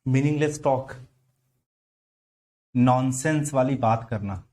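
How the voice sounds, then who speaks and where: A man with a Hindi accent teaches English vocabulary at a medium pitch. He talks patiently, spelling words out letter by letter and repeating them. He asks his students questions as he goes. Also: slow, warm tone. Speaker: English teacher for exam prep. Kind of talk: online vocabulary lesson.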